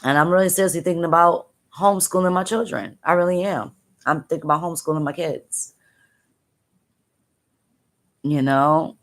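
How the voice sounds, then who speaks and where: A tearful mother talking to viewers on a livestream, halting and repeating herself as she speaks, upset and angry. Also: sits low, fairly even intonation. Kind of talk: emotional live-stream talk.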